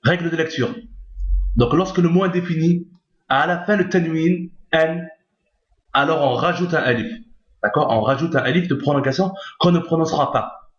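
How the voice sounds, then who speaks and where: A man's voice: a little high, a bit bright. Man teaching patiently in a roomy lo-fi recording. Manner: patient, repeats each point, checks with "d'accord?". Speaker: Arabic reading teacher. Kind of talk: recorded lesson explaining on screen.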